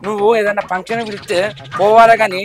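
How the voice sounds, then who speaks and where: Brief: high-pitched man, nagging comic grumbler, faint music under him. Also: level tone, fast talker. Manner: grumbling, scolding, repeats his complaints. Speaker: comic actor. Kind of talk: village comedy sketch.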